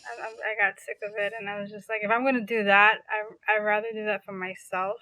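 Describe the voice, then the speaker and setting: Poor audio with no echo captures a young adult New Yorker whose mid-range voice is bright and forceful, delivered flat and quick. She's a chatty podcast guest in a casual interview, leaning on "like" and frequent restarts.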